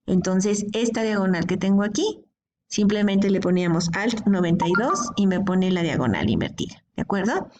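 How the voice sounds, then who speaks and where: A woman's voice: medium pitch, expressive, moderate pace, darkish tone. Woman, programming teacher, patient step-by-step explaining, faint hiss behind. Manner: explanatory, checks in with frequent "¿sí?" and "¿de acuerdo?". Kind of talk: screen-recorded coding lesson.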